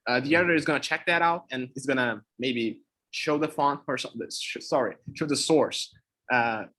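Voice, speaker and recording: A young co-host whose mother tongue is Brazilian Portuguese teaches expressions in relaxed English, his Brazilian accent audible as he thinks out loud and gropes for words. His voice sits at medium pitch, sharp in tone and a little fast.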